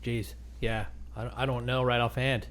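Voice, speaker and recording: A middle-aged man hosting a casual podcast interview, chatty and easygoing, tossing in quick affirmations. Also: mid-range voice, flat delivery, fairly bright tone, slight background noise. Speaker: podcast host.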